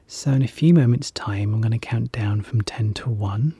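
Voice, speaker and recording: A relaxation guide leading a guided hypnosis session in a soft, soothing whisper, repeating gentle calming phrases. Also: medium pitch, normal speed, breathy edge, no echo.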